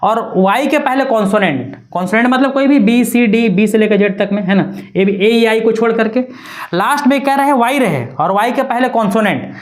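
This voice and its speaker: A woman's voice: on the high side, a little fast. A woman teaching an English grammar lesson, spelling words out letter by letter and checking in with her students often. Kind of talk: classroom-style grammar lesson.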